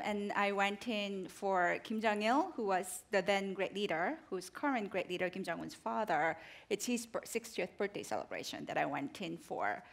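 A South Korea-born woman in her forties, speaking earnestly in an onstage interview with fillers and restarts. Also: mid-range voice. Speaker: guest author. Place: large theater stage with audience. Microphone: headset mic.

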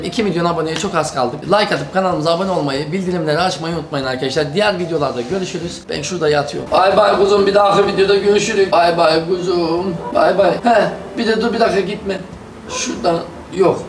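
A man giving casual gaming commentary to his viewers, excitable and quick to shout and curse at opponents. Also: sits high, noisy background. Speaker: gaming YouTuber. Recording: roomy sound with loud background music.

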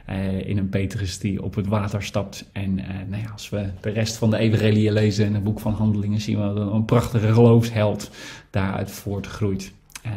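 Low-voiced, hesitant male preacher. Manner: hesitant, with frequent filler sounds and soft reflective questions. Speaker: guest preacher. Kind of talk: sermon.

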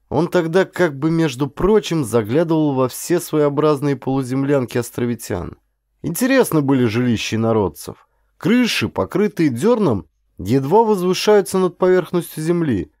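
A man reads a historical adventure novel like an actor, telling it expressively with colloquial asides and drawn-out phrases. His voice is medium-pitched, and the recording is dry and studio quality.

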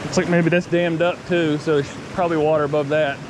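Guy fishing a creek and chatting to his camera, gets excited and repeats stuff, loud rushing water behind him. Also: on the high side. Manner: excitable, repeats himself when a fish bites. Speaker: fly fishing vlogger. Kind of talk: casual outdoor narration. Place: outdoors by a rushing mountain creek. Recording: outdoor recording with loud stream noise. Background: rushing stream water.

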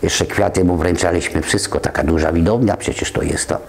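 A man's voice: sits low, steady tone, fairly quick, creaky. An older man from Poland, chatting casually in an interview as he walks around a community center, rambling and breaking off mid-word. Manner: rambling, chatty, trailing off and restarting. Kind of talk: casual conversation.

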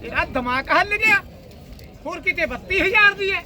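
A man with a Punjabi accent brokering loudly at an outdoor livestock market, with theatrical, teasing, rhyming banter. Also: very high-pitched, animated, normal speed. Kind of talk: loud haggling banter at a market. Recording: busy outdoor market crowd and vehicles.

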